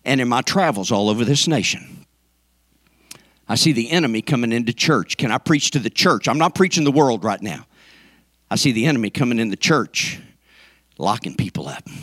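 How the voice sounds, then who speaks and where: Male preacher, folksy humor, emphatic peaks, middle pitch, dry close sound. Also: a bit bright, dry recording. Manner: folksy, joking with the congregation, rising to emphatic peaks. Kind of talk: sermon. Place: church sanctuary.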